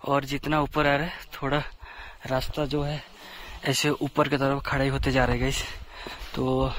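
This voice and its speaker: A man vlogging outdoors while climbing a steep snowy trail, out of breath and talking slowly between breaths to his viewers. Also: mid-range voice, flat delivery, a bit bright, slight background noise. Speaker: travel vlogger. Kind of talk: casual vlog narration while trekking. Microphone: handheld camera while walking.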